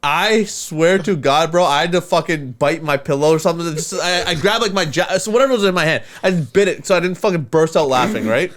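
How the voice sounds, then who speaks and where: Man, casual podcast storyteller, swears a lot, acts out voices, fairly high voice. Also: a little fast, hardly any pauses. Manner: animated, profane, acts out quoted voices. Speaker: podcast co-host.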